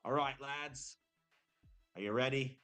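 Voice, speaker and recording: A man's voice: medium pitch, slow, pushed and bright, faint music behind, pitched above the performer's own voice. A man putting on a rallying Australian spider general. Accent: Australian, put on. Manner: rallying, plainspoken soldier talk. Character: brisk veteran male redback spider general.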